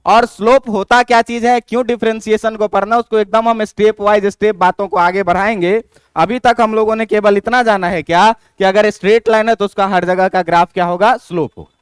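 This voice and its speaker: High, clear-voiced male teacher. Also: steady tone, fairly quick, no echo, clean studio sound. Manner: asks and answers his own questions, checks if students follow. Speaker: physics teacher. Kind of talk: classroom lecture.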